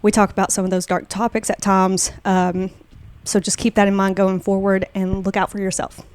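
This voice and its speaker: A woman's voice: medium pitch, little pitch movement, moderate pace, darkish tone, clean tone. A young adult woman co-hosting a casual podcast, chatty and laughing often. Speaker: podcast co-host.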